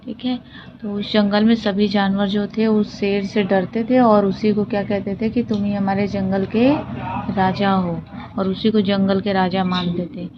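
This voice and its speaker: A woman teacher reads a story passage aloud and then walks young pupils back through it in plain words, asking her own questions and answering them. The recording is dull and lo-fi, with a steady hiss behind her voice. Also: mid-range voice, measured pace. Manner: mixes English words into Hindi. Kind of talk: explaining a textbook story. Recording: dull lo-fi audio with clear hiss.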